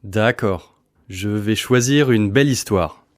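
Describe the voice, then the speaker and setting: A man reads short answer choices in a plain, even tone at a mid pitch. The recording is dry and close, with no room sound. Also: takes it slowly, dry recording. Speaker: voice actor in exam dialogue. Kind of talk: scripted answer reading.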